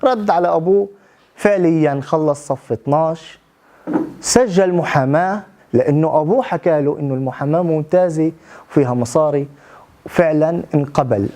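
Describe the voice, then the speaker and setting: A man's voice: a little high, fairly quick, warm tone. A man delivers a motivational talk. He tells his story with animation and turns often to address his listeners directly. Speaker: public speaking trainee.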